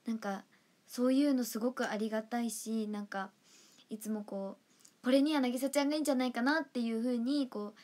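A young woman hosting a casual livestream, chatting warmly with fans and reading their comments, sometimes dropping to a soft whisper. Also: fairly high pitch. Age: young adult. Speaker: idol livestream host.

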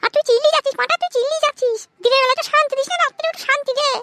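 A shrill scolding cartoon mother. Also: fairly even intonation, very fast, sharp tone, a little hiss or hum. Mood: shrieking. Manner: screeching threats and insults. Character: shrill scolding mother Pushpa, quick-tempered. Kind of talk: comic Bengali cartoon voice acting.

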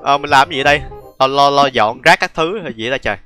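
A man's voice: mid-range voice, fast talker, bright, forceful tone, faint music behind. A young man, laughing often and poking fun at himself while reacting to his old gaming videos. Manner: laughs often, self-mocking and chatty. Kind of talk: casual reaction commentary.

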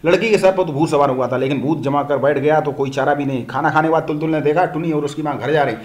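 A man's voice: on the high side, quick pace. A male teacher reading a textbook story aloud to pupils, acting out the dialogue and stopping to explain.

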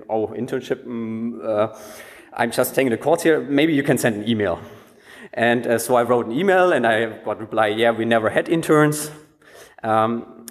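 A man telling a personal story at a conference, hesitant, with many fillers and restarts. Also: medium pitch. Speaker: conference speaker. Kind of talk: anecdotal conference talk. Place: conference hall. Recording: long hall reverb.

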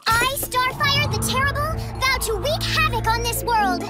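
A woman's voice: extremely high pitch, normal speed. A woman voicing a sweet alien superheroine girl who makes theatrical villainous declarations in formal wording for a cartoon. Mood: grandiose villainous. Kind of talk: animated cartoon voice acting. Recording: music over the voice.

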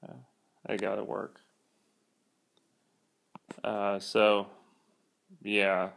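A young man vlogging casually while feeling sick, speaking in a halting, hesitant way that trails off. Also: lowish voice, completely flat delivery, vocal fry, a bit bright. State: feeling sick, achy and nauseous. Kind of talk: casual vlog talk.

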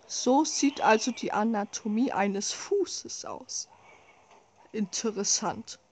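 Slow-talking woman, wry gaming commentary. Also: on the high side, expressive. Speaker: let's play host. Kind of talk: casual horror game let's play commentary.

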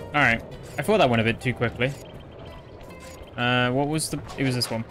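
A man's voice: medium pitch, normal speed, fairly bright tone, soft background music. Casual young man streaming a game. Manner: offhand, joking and sometimes swearing. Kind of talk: casual gameplay commentary.

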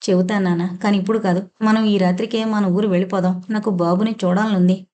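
A woman's voice: medium pitch, fairly even intonation, a little fast, warm tone, close to an everyday voice. A woman voicing a remorseful middle-aged son. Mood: subdued. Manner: hesitant, subdued.

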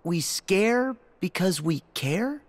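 An actor voicing an earnest, friendly teenage boy hero in an animated video game. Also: mid-range voice, slow pace. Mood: uneasy, wary.

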